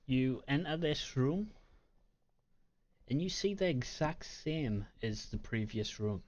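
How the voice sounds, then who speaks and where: A man narrating as game master of a tabletop game, describing scenes in a halting, measured way. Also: mid-range voice, animated, darkish tone, lo-fi sound.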